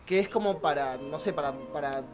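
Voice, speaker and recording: A man's voice: a little high, moderate pace. Chatty young Argentine man, slangy. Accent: Argentine Spanish. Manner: chatty, slangy, restarts often. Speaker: podcast co-host. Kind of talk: casual chat.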